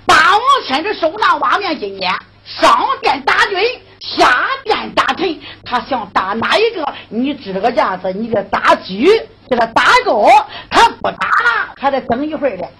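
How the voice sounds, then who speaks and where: A woman narrates in a sing-song traditional storytelling style. Her voice is high and bright, leaping through a lively range. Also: moderate pace, few pauses.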